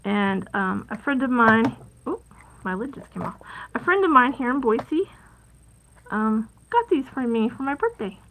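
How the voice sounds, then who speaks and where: A woman hosting a casual live crafting stream, chatty and rambling, with plenty of fillers and soft asides at her craft table. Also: fairly high pitch, sing-song, a little slow, slight background noise, poor audio. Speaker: crafting livestream host.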